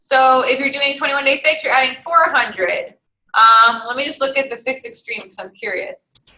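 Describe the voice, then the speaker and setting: A woman's voice: sits high, steady tone, normal speed, bright, forceful tone, reverberant, low-quality recording. A young woman coaching an online fitness group, chatty and encouraging as she works through calorie numbers aloud.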